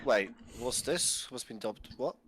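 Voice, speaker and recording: A man's voice: medium pitch, expressive, a little slow, fairly bright tone. A man from Poland co-playing a truck driving game, giving dry, mock-serious commentary in casual chat. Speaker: co-player and guest.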